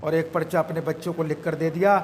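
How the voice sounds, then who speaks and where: A grieving judge, firm and resolute, voiced by a man reading a story. He lays out his decisions in a plain, slightly high voice. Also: flat delivery, quick pace, a little mellow, a little hiss or hum, natural voice.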